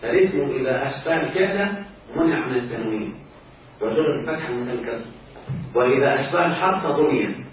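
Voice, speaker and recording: Fast-talking Egyptian teacher in echoey room. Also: male voice, medium pitch, expressive. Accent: Egyptian Arabic. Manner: quizzes students constantly, asking whether they follow. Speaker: grammar teacher. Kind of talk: classroom grammar lesson. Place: classroom. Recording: very echoey room, mic far off, dull sound, faint hiss.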